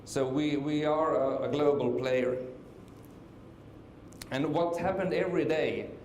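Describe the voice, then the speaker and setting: A middle-aged Finnish man gives a conference presentation in a hall, hesitant and full of fillers and restarts. His voice is a little high and darkish, his pace slow, and the echoey hall carries faint noise.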